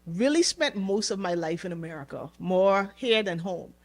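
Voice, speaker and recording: A young woman from the Bahamas, talking casually as a podcast guest, relaxed and chatty, laughing easily and repeating words as she goes. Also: mid-range voice, moderate pace. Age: young adult. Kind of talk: casual interview chat.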